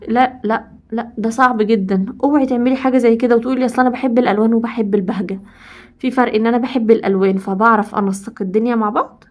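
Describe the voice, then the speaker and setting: Fast-talking Egyptian woman giving home advice. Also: fairly high pitch, a little mellow. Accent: Egyptian Arabic. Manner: emphatic, repeats herself for stress. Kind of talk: casual advice talk to women.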